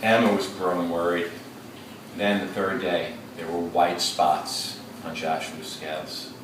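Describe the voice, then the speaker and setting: A deep-voiced male teacher reads a story to his class slowly and deliberately, stopping to think aloud and pose questions. He is recorded from a distance across a very echoey classroom, with steady noise in the background.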